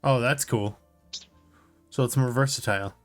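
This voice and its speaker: A man co-hosts a laid-back tabletop gaming podcast, reading his notes aloud informally and then commenting on them. His voice sits at a medium pitch and moves at a moderate pace, with soft music playing in the background.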